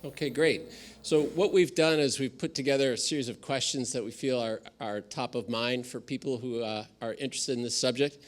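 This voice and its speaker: An American man in his fifties hosts a conference panel. He speaks in a polite, formal way at an ordinary middle pitch as he introduces the speakers and poses questions. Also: fairly even intonation, fairly quick. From United States. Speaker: panel moderator.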